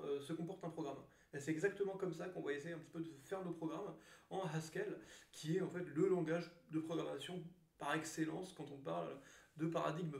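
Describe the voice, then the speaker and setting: A man's voice: fairly high pitch, vocal fry, darkish tone, far from the mic. A man giving a casual programming lesson, rambling and self-mocking with many fillers and restarts, sounding tired from little sleep. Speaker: programming tutor. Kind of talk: casual screen-recorded coding lesson. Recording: echoey room, voice a bit off-mic.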